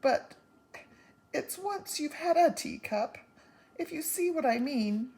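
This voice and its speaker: A woman's voice: animated, takes it slowly, a little mellow, exaggerated voice, rough recording. A woman voicing a fretful, tearful tiny mother. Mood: worried. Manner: fretful, high and emphatic.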